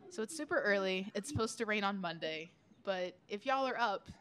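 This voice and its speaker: A woman's voice: mid-range voice, expressive, normal speed, fairly bright tone, clean tone. A young woman, a committee chair, giving a chatty, breezy report at a student government meeting. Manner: chatty, breezy, laughs between items. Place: meeting hall.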